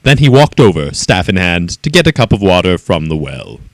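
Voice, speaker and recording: Male storyteller, lowish voice, animated reading, dry close sound. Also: a little fast, no room sound. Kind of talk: children's story read-aloud.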